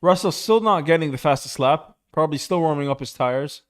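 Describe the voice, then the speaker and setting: A young man streaming live, giving casual, excitable commentary on a motor race and saying "bro" a lot. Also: on the high side, brisk.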